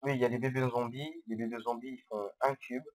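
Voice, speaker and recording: A man giving casual, hesitant gameplay commentary, explaining step by step on a low-quality microphone. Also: fairly even intonation, fast. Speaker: Minecraft let's-player.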